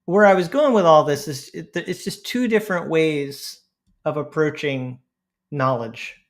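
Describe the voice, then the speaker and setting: A man's voice: on the high side, measured pace. A man co-hosting a casual discussion, thinking aloud earnestly as he makes his point. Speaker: podcast co-host.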